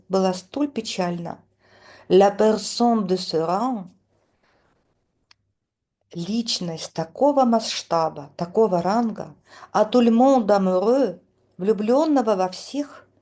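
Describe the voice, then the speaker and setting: Slow, mellow-voiced woman teacher. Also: medium pitch. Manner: slow, deliberate, expressive reading. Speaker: French teacher. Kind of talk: reading a poem aloud line by line with translation.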